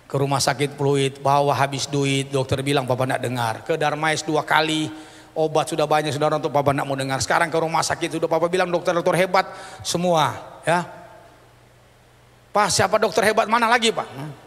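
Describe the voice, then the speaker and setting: A middle-aged pastor tells his story from the pulpit in a voice that sits a little high for a man and has a gravelly fry. He swings between raised, excited bursts and quiet, low passages as he acts out the people in the story. His words ring out with a long church reverb. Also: a little fast. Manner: animated storytelling, acting out dialogue. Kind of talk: sermon testimony. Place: church sanctuary.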